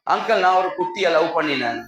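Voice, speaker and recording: A man's voice: a little high, lively intonation, a little fast, fairly bright tone, dull audio, voice pushed down. A man with a Sri Lankan Tamil accent voicing a sixteen-year-old boy who pleads sorrowfully in a told story. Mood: heartbroken. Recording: echoey hall with crowd.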